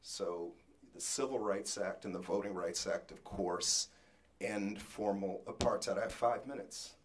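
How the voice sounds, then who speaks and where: A man giving an academic talk with slides as a panelist, pausing often and restarting his words. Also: on the low side. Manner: halting, frequent restarts and fillers; jokes about rushing.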